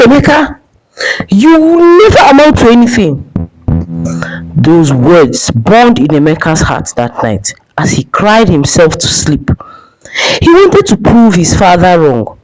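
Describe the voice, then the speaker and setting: A woman narrating a scripted folktale in an expressive, dramatic way. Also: on the low side, low-quality recording. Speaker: storyteller.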